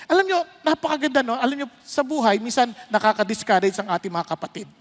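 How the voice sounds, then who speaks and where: Preaching to her congregation, a Filipino-accented woman blends English into her message and keeps engaging the audience with short questions. She speaks a little high, and the sound suggests a big room.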